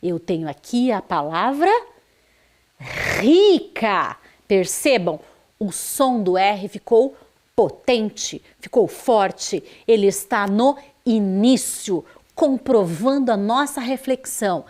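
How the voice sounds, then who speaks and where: A woman's voice: medium pitch, lively intonation, takes it slowly, a little mellow. A Brazilian woman teaching a primary school video lesson, drawing out words and stressing their sounds for young children. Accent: Brazilian Portuguese.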